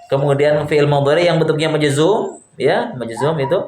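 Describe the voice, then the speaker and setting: A man with a slightly high voice teaches a grammar class. He keeps firing questions at his students and echoes their replies. His voice rings around a reverberant room, with a faint hum underneath. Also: normal speed, a little mellow. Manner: quizzes students and repeats answers.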